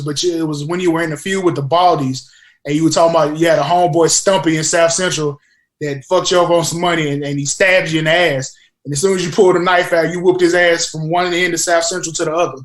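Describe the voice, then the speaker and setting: A man's voice: a little high, fairly even intonation, fast, roomy sound. A man co-hosting a podcast, eagerly recalling favorite moments in casual chat. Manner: enthusiastic fan recounting favorite moments. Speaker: podcast co-host.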